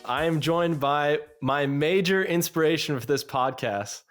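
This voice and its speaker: A man's voice: fairly high pitch, a little slow, fairly bright tone, soft background music. A young man hosting a podcast, introducing guests and segments in an upbeat, slightly rambling way. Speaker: podcast host.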